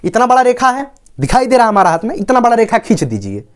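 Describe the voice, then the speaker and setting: Man, maths teacher, lively swinging pitch, keeps checking in with listeners. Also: fast. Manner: explains step by step, keeps asking "right?". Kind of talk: whiteboard maths lesson.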